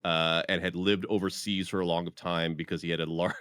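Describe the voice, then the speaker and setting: A man with a very deep voice chats casually on a podcast. He hesitates and often restarts his sentences. The recording is dry and close. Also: little pitch movement, a little fast, fairly bright tone, smooth, no room sound. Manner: hesitant, with many ums and restarts. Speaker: podcast co-host and streamer. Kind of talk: casual chat.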